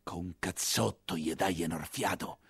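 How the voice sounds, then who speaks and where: A man's voice: low voice, measured pace, vocal fry, fairly bright tone, husky, heavily acted. An actor with a Roman accent playing a working-class coachman who tells his story vividly in a radio play, with music playing underneath. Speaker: narrator of a monologue.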